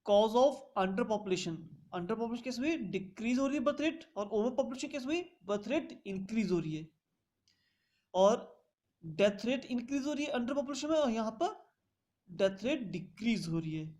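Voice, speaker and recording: A woman's voice: fairly high pitch, lively intonation, moderate pace, a little mellow. A woman teaching a revision lecture, reading points out in English and explaining them in Hindi.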